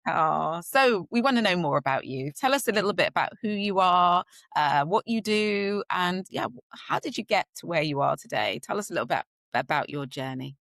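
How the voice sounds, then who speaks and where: Lower-voiced woman hosting a podcast. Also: lively intonation, normal speed, creaky, hardly any pauses, no echo. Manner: warm, rambling, frequent fillers. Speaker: podcast host. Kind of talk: podcast interview.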